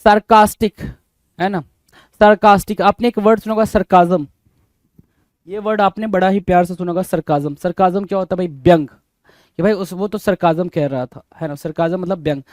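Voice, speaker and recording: A man's voice: sits high, darkish tone, no echo. A man with an Indian accent teaching English vocabulary for exams, mixing Hindi and English and often asking the class questions. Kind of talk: exam-prep vocabulary lesson.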